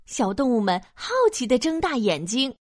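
Animated, high-voiced woman narrating children's stories. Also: normal speed, no room sound, clean studio sound. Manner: expressive, storytelling. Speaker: story narrator. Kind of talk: scripted children's story narration.

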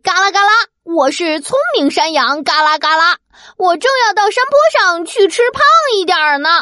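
Woman doing a bright, chirpy clever goat. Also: high-pitched, expressive, unhurried, no echo, clean studio sound, voice pushed up, full character voice. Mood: coaxing. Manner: chirpy, coaxing. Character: clever cheerful middle goat, sly. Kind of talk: storybook reading.

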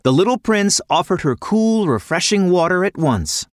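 This woman reads a children's tale aloud at a normal speed, her fairly low pitch rising and falling in lively ways. The scripted, expressive delivery comes through a close, dry recording without echo.

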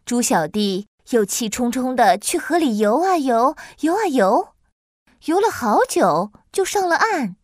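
Lively woman reading a children's story. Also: high voice, measured pace, dry recording, clean studio sound. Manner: lilting, expressive storytelling.

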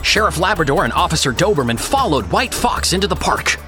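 Dramatic kids' narrator, wide melody, over clear music. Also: mid-range voice, brisk. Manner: expressive, dramatic. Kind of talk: storybook narration. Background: background music.

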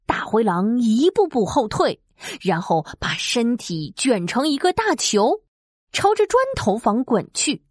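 Female narrator for children's storybook audio: fairly high voice, very animated intonation. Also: measured pace, husky, dry recording, studio quality.

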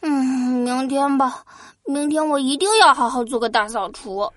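A man voicing a young, lazy, excitable prince in a children's storybook, with a whiny, exclamatory manner. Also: extremely high pitch, unhurried, no echo, studio quality, voice pushed up. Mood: whiny, sleepy. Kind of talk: children's audio storybook character.

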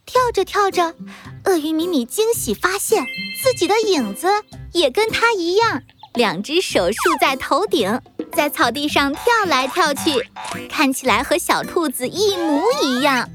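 A woman's voice: high-pitched, big pitch swings, measured pace. A woman narrating a children's story as the storyteller. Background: music.

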